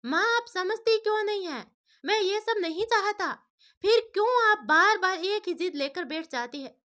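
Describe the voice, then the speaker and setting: A woman's voice: very high voice, lively intonation, moderate pace, bright, forceful tone, voice pushed up, heavily acted. A woman voicing a proud, short-tempered widowed father who argues insistently and scolds. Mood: arguing.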